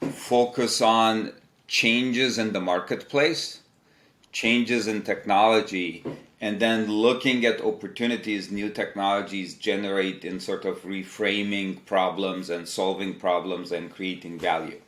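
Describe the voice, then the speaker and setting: A man in his fifties from Turkey, a company CEO, answering interview questions in a measured, explanatory way. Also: fairly low pitch, fairly even intonation, a bit bright. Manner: measured, explanatory, lists examples. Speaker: tech company CEO, guest. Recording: echoey room.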